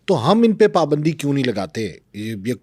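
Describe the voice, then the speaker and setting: A man hosting a talk show, asking his questions in a calm, steady way. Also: fairly high pitch, no room sound, clean studio sound. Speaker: host.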